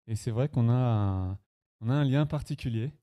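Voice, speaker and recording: A man's voice: mid-range voice, normal speed. A man from France, a pastor, telling his personal testimony to a congregation in a conversational, storytelling way. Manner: conversational, warm personal storytelling with light laughs. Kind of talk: sermon testimony. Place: church hall.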